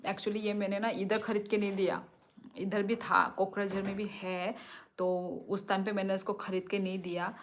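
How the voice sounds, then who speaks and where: A woman's voice: medium pitch, little pitch movement, moderate pace, slight background noise. A young woman hosting a casual livestream, chatting with her viewers and answering their comments as she switches between languages. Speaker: livestream host.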